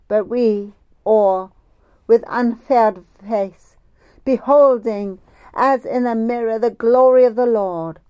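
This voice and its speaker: A woman preaching by phone, telling a personal story in a slow, deliberate way. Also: medium pitch, warm tone, clear, resonant tone.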